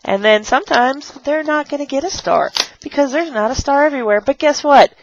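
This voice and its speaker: Speaking high and briskly over a noisy background, a young woman who teaches English online gives a bubbly, wandering vlog chat while showing props. She keeps jumping into playful kid voices. The recording comes from a dull camera mic at home, and the audio is dry.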